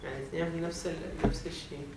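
A male student in a grammar class, giving short answers and asking quick polite questions. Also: fairly high pitch, steady tone, a little hiss or hum. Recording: distant, echoey classroom, faint ambience.

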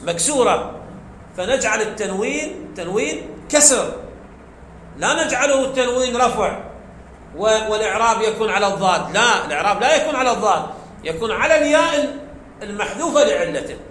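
A man gives a grammar lecture to his class, breaking it down step by step and asking questions only to answer them himself. His high, animated voice runs a little fast with a fairly bright tone, captured in an echoey room with faint background noise.

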